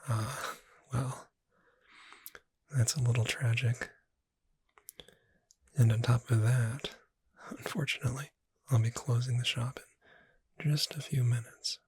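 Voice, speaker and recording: In a soft-spoken ASMR roleplay, a performer plays a friendly witch who sells books, speaking in a breathy near-whisper that is gentle, unhurried and lightly wry. The pitch is medium and the intonation fairly even, and the mood comes across as gentle and persuasive.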